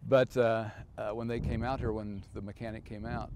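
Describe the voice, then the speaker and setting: A man's voice: on the low side, flat delivery. Kansas farmer guy in his 50s, talks in stops and starts, bit of shed noise behind. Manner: halting, storytelling with many fillers. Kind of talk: casual interview. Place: open machine shed by a tractor.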